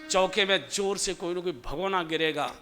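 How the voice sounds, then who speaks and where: A man's voice: high-pitched, moderate pace, music in the background. A man preaching a devotional sermon, stretching his phrases in a sing-song way.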